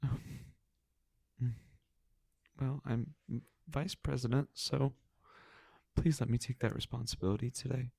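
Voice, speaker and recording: A man voicing a shy, anxious young woman in a visual novel, speaking in a halting, apologetic way. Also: mid-range voice, steady tone, vocal fry, dark tone, no echo. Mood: timid. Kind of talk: reading a visual novel aloud with friends.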